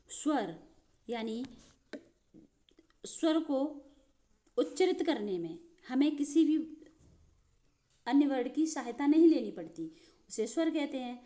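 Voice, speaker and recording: Woman teacher, warm and mellow, patient step-by-step explainer. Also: high voice. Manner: explains step by step, addresses viewers as friends. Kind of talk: Hindi grammar lesson.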